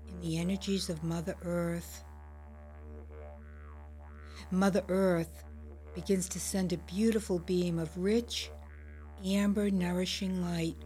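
A woman guides a meditation very slowly and gently. Her voice sits a little low and soothing, and she leaves space between phrases. Soft music plays behind her. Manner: gentle, slow, soothing, unhurried delivery.

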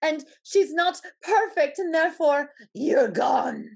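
Shrill scolding churchgoer, as a woman mocks her. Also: lively intonation, slow, gravelly, darkish tone, exaggerated voice. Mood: mocking scorn. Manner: shrill, mocking.

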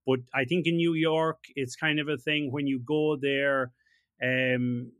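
Guy hosting a chat, bright tense voice, super dry mic, rambles a bit. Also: medium pitch, steady tone, measured pace, dry recording. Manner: rambling, thinks aloud with tag questions. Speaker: podcast host. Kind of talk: casual interview chat.

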